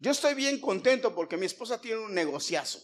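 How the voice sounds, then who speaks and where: A middle-aged pastor preaches to a congregation in church, emphatic, repeating his points and putting questions to his listeners. His voice is high-pitched, very animated and a little fast.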